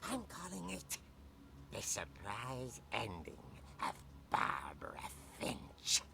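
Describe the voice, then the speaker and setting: A man's voice: lowish voice, wildly swooping pitch, takes it slowly, creaky, background noise, exaggerated voice. An actor playing a ghoulish old male horror storyteller in a game, theatrical and relishing every gruesome line. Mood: gleeful ghoulish. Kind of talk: game voice acting.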